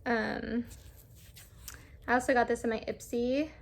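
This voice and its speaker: A woman's voice: fairly high pitch, fairly even intonation, unhurried, vocal fry, slight background noise. A young woman chatting casually through a makeup try-on, rambling with lots of fillers. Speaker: beauty vlogger.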